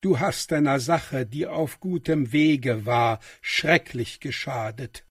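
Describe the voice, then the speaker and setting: An actor playing a reproachful, anxious uncle in a radio play, lecturing slowly with a husky voice. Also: male voice, mid-range voice, dry recording, clean studio sound, far from the mic.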